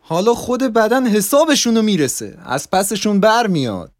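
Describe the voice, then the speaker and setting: A man voicing a giddy middle-aged dad in a storybook reading, his lively voice bouncing between chuckling delight and hushed, mock-serious whispers. The sound is close and dry. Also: high-pitched, no echo, pitched above the performer's own voice. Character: excitable middle-aged male plumber, cheerful father.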